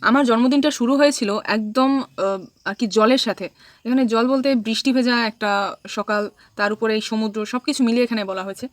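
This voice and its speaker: A woman with a somewhat high voice gives a literature lecture. She explains patiently and slows right down to read lines of verse. The recording is dry and close. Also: no room sound. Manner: explains in Bangla, mixing in English terms and reading poem lines slowly. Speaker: teacher.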